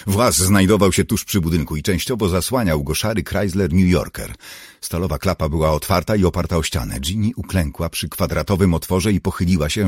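A man with a very low, husky voice narrating an audiobook in a measured, steady storytelling manner. The sound is dry and close, with no room echo. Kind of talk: scripted narration.

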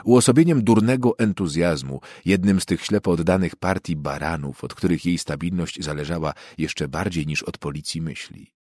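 A man reading a novel aloud as an audiobook narrator, in a measured, even delivery. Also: sits low, dry recording, studio quality. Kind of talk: scripted narration.

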